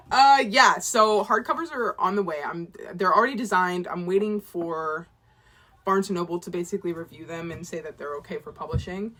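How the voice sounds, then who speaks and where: A woman's voice: on the low side, fairly quick, fairly bright tone. A woman in her twenties, an author rambling casually to camera in a chatty, self-deprecating way. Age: 20s. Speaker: author and vlogger.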